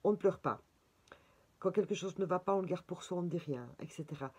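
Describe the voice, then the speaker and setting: A woman's voice: fairly low pitch, fast, dark tone, husky. A woman with a Belgian French accent giving a casual oracle card reading for viewers, chatting and correcting herself as she goes. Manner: chatty, self-correcting, thinking aloud. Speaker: tarot and oracle card reader.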